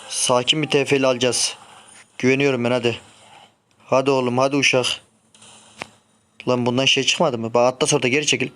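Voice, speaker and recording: A young man streaming and commenting on his own gameplay, grumbling and swearing when things go wrong. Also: medium pitch. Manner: frustrated, shouts sharply when the game goes wrong. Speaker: gaming streamer.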